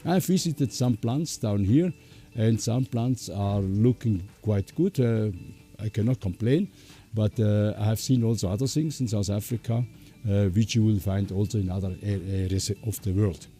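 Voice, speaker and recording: Low, mellow man answering with many pauses. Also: slightly rough, faint music behind. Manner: hesitant, many filler pauses. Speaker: course instructor. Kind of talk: interview answers.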